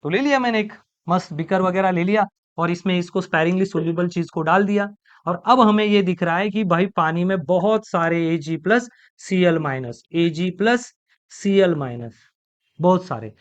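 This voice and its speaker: A man teaching a chemistry lecture in a playful way, firing quick questions at the class and answering them himself. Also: sits high, highs cut off.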